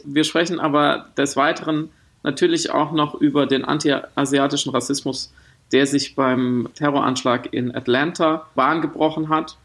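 A man's voice: mid-range voice, a bit bright. A man co-hosting a casual podcast conversation, thoughtful and wordy, often restarting his sentences. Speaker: podcast co-host.

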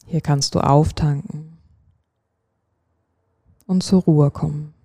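A calm, soothing narrator guiding a relaxation dream journey like a sleep story, speaking in short, unhurried phrases with long pauses. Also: medium pitch, no echo, clean studio sound.

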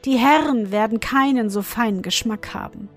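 A woman voicing a wise enchanted goose who calmly explains a recipe and herbs, in a storybook reading. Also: a little high, moderate pace, faint music behind, natural voice. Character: wise enchanted female goose, calm helper.

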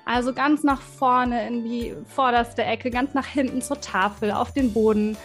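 A woman's voice: fairly high pitch, fairly even intonation, unhurried, soft background music. A woman, a voice expert, explaining to children in an interview and speaking to them directly and encouragingly. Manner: warm, encouraging, speaks directly to kids with vivid examples. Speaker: voice and communication expert, guest.

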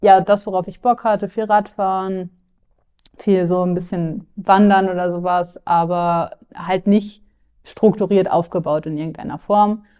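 A woman's voice: on the low side, fairly even intonation, measured pace, dark tone, clear, resonant tone. A young woman from northern Germany, speaking candidly as a client in a podcast interview, with filler sounds and restarts. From Lower Saxony, Germany.

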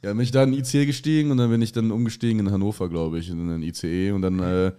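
A man's voice: fairly low pitch, fairly even intonation, rapid-fire, dark tone, clear, resonant tone. A man on a comedy podcast telling a rambling travel anecdote, full of hesitations. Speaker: podcast co-host. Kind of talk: comedic storytelling.

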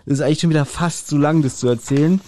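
Chatty male podcast co-host, higher voice. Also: racing, mellow. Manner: chatty, retells the plot with frequent laughs. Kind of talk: casual episode discussion.

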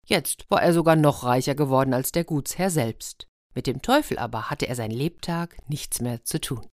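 A woman who hosts a weekly children's show, reading a fairy tale aloud in a calm, clear storytelling manner. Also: extremely low pitch, moderate pace, no room sound, clean studio sound.

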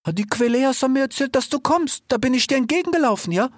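A man's voice: very high-pitched, lively intonation, fast talker, dry recording, clean studio sound, pitched above the performer's own voice. A man doing a bouncy young desert fox. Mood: eager. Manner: eager, boyish.

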